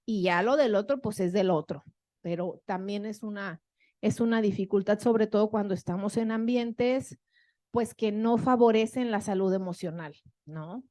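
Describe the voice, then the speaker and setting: A woman's voice: medium pitch, normal speed, dark tone, no echo, studio quality. A woman with a Mexican accent giving a conversational lecture to an audience, often tagging her sentences with rhetorical questions.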